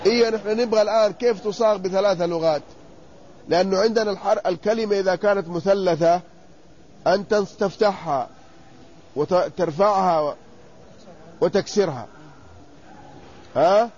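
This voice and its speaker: High-voiced man teaching a lesson. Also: a little mellow. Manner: drawn-out repetition of word forms, questioning students. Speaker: sheikh teaching inheritance law. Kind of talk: classroom lesson with students. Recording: muffled lo-fi lecture recording with faint noise.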